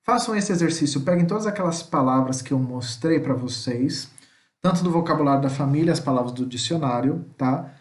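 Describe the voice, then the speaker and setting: A man with a fairly high voice and a Brazilian Portuguese accent, teaching a recorded Spanish vocabulary lesson. He says each word twice, slowly, and then explains it. The room around him is echoey. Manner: repeats words slowly, checks in with "tá?".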